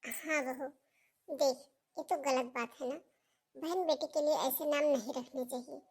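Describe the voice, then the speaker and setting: A woman playing an older aunt who gently admonishes her niece-in-law in a family melodrama. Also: high voice, measured pace. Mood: admonishing. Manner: calm, admonishing. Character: older aunt, calm, mildly reproachful.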